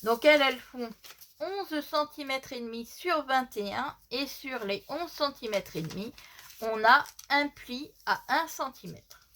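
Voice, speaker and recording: A woman presents a hands-on craft tutorial in a fairly high voice. She takes her time, explaining each step and going back over it. A slight lisp gives her s sounds a slushy sh edge. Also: expressive, measured pace, pushed and bright, a little hiss or hum. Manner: explanatory, repeats measurements and instructions.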